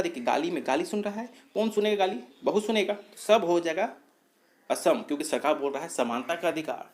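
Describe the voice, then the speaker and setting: A man teaching a lesson on memory tricks, explaining step by step, asking himself questions and answering them, and correcting his own slips. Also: fairly high pitch. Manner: explanatory, repeats points, asks and answers himself. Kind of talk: exam-prep mnemonic lesson.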